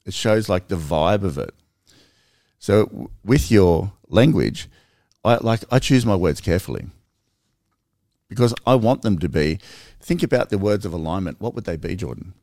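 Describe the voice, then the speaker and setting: A low-pitched man talks through his ideas in a relaxed podcast chat, earnest and animated, often restarting mid-sentence. The sound is dry and close, with no room around the voice. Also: moderate pace, no room sound. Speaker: podcast co-host. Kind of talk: casual conversation.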